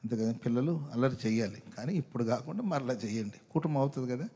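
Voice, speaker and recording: Telugu-accented pastor preaching in a hall. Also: male voice, medium pitch, animated, slightly rough. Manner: storytelling sermon, voices pleading prayers loudly and slowly. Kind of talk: sermon. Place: gospel meeting hall. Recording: long hall reverb.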